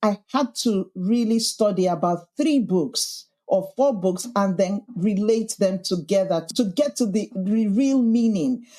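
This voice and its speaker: A woman with a Yorkshire accent hosts a podcast, answering interview questions earnestly and thoughtfully in a reflective conversational style. Her mid-range voice is mellow and animated, moving at a measured pace with few pauses. She builds her points as emphatic lists.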